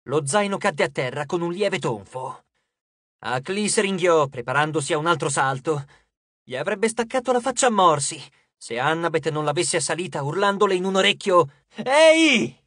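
A man narrating an audiobook in a steady, expressive storytelling voice. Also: fairly high pitch, normal speed, dry recording, studio quality. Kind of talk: scripted narration.

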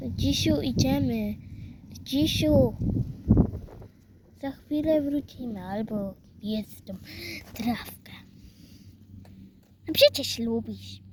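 A woman plays with her toys at home, speaking to them in a playful, sing-song voice and calling out to them. Her voice sits high and she talks slowly. The recording has clear background noise. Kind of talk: playful play-acting with toys.

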